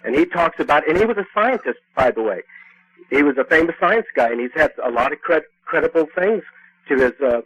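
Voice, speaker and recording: A man phoning in as a radio show caller, speaking haltingly and repetitively in an earnest, unscripted debate over the phone. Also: a little high, lively intonation, fairly bright tone. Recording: phone call on a talk show.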